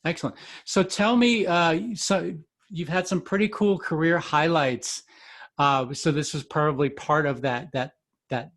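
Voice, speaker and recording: In Florida, a man with a slightly high, somewhat bright voice hosts a podcast, running a casual interview. He asks his questions in a friendly, rambling way, often stopping and starting over.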